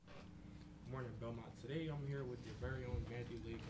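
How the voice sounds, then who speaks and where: A man's voice: medium pitch, fairly even intonation, brisk. A teenage male student interviewer asking casual questions for a school show. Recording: echoey, distant, noisy room.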